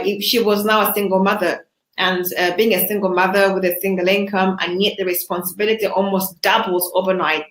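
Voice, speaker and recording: A woman's voice: medium pitch, a bit bright, roomy sound, rough recording. A woman, a guest in an online interview, telling her life story in an earnest, reflective way. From Zambia. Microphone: video call.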